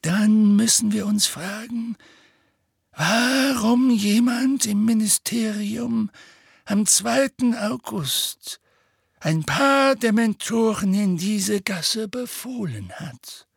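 A wise old wizard, as a male reader puts him on, speaks quietly and slowly, calm and deliberate. Some words fall to a near whisper, yet each stays clear. The audiobook reading is close and dry. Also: sits high, no room sound, pitched above the performer's own voice, exaggerated voice.

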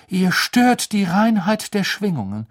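A man's voice: high voice, big pitch swings, measured pace, voice pushed up. A man voicing an eccentric, mystical female divination teacher who murmurs and whispers theatrically, in a storybook reading. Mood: reproachful.

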